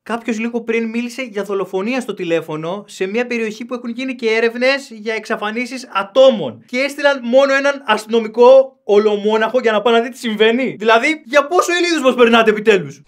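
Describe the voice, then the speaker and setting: Guy roasting a horror movie, sarcastic and animated, casual review chat. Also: very high-pitched, few pauses. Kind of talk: casual comedic film commentary.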